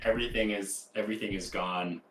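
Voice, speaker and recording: A man's voice: fairly low pitch, steady tone, fairly quick, slight background noise. A laid-back man co-hosting a casual podcast with dry humor. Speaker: podcast co-host. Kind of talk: casual chat. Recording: roomy echo.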